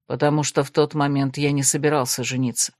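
A woman doing a stern, deep-voiced male necromancer. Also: little pitch movement, brisk, darkish tone, no echo, clean studio sound. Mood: restrained. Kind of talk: audiobook character voicing.

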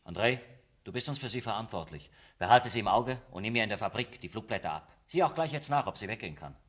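A stern underground party leader in a radio drama. He speaks firmly and decisively with a lowish voice. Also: animated, fast, a bit bright. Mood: commanding. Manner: firm, commanding.

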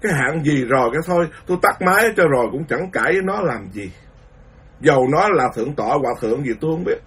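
A Buddhist monk delivers an indignant, repetitive rant during a lecture. His voice is husky and sits a little high. He sounds set back from the microphone, like a radio broadcast. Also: lively intonation, fast talker, a bit bright, distant mic. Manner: indignant, ranting, repetitive phrasing. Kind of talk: impassioned Dharma lecture.

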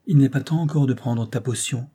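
A man reading the part of an elderly, forgetful mother who speaks gently and plaintively, higher than his narrating voice. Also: a little fast, breathy edge, close to an everyday voice. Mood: gentle.

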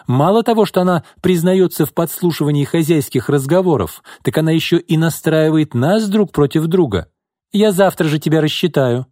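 A man voicing a haughty, scheming woman who talks in a shrill, icy, sneering way. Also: animated, normal speed, a little mellow, dry recording, studio quality. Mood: shrill angry.

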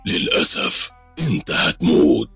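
A man with an Egyptian accent voicing a sly, cruel male devil who speaks slowly and gloatingly. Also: rumbling low, wildly swooping pitch, creaky, a bit bright, breathy edge, no echo, faint music behind, heavily acted. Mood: menacing. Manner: slow, menacing, gloating.

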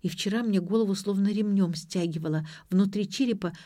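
A woman reading an audiobook, voicing a sharp-tongued young female student with mocking, quick retorts. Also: medium pitch, no room sound, studio quality, natural voice. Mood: uneasy.

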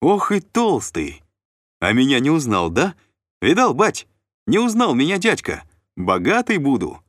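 Guy doing a loud cocky young warrior, shouty and high, bouncing all over. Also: huge pitch swings, moderate pace, no room sound, studio quality. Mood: boisterous. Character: boastful young male warrior nephew, cheeky.

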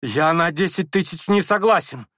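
Чтец за обиженного юношу: выпаливает, сбиваясь. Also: male voice, fairly high pitch, animated, moderate pace, pushed and bright, no echo, studio quality, voice pushed up. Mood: indignant. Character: indignant, sullen young man. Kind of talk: audiobook character voice.

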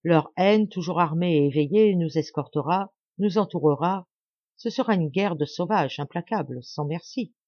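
A woman reading a bitter, vengeful young man with a grave, measured, menacing delivery. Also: lowish voice, dry recording, natural voice. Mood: cold menace. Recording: dull dry lo-fi audio.

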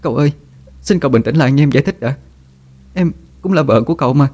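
A terrified young bride in a spoken ghost story, her voice lifted high and trembling as she stammers and begs, as a male narrator puts her on. She pleads in a rush, tearful and desperate. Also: animated, fast talker, darkish tone, breathy edge. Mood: pleading, tearful. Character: frightened young wife pleading, woman.

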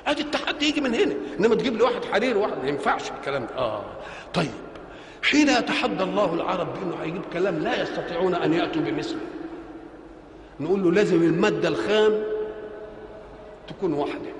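Older Egyptian preacher in an echoing hall. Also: male voice, high-pitched, lively intonation, quick pace. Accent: Egyptian Arabic. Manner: asks rhetorical questions and answers them himself. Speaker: religious scholar. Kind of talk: colloquial Quran exegesis lesson. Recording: reverberant hall with faint background noise.

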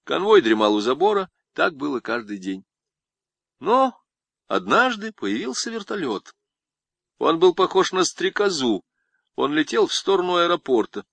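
Expressive male audiobook narrator. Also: a little high, moderate pace, vocal fry, dry recording. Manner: expressive, ironic storytelling.

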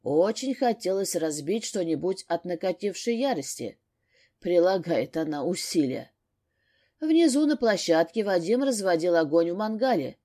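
A woman narrating a novel in a steady storytelling manner. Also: fairly low pitch, normal speed. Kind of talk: audiobook narration.

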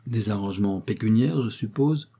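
A curious rich old gentleman asks calm, grave questions in a storybook reading, voiced by a male narrator. His tone is mellow and slightly husky, courteous but searching. He wants the truth without showing his hand. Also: fairly low pitch, moderate pace. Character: strange rich older gentleman visitor, probing.

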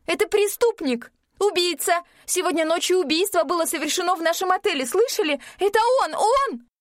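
Woman voicing a terrified young woman, high panicked cries, stammering, dry audiobook recording. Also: expressive, brisk, no echo.

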